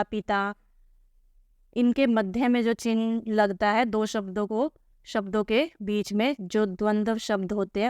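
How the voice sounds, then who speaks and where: A woman's voice: a little high, clean tone, no echo, studio quality. A woman teacher working through a textbook lesson, patiently asking questions and answering them herself. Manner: patient, asks and answers her own questions. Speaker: Hindi teacher.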